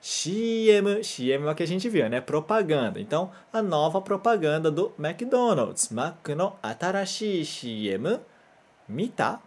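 A woman's voice: deep voice, very animated, unhurried, a little mellow. A Brazilian woman teaching a Japanese lesson, patient and encouraging, who keeps checking in with "né?" and leads repeat-after-me drills. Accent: Brazilian Portuguese.

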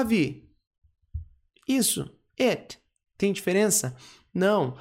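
Brazilian-accented language teacher, mid pitch, gravelly fry, patient repeat-and-check delivery. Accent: Brazilian Portuguese. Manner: patient, repeats words and checks in with frequent 'tá?' and 'ok?'. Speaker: English teacher. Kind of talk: English lesson explained in Portuguese.

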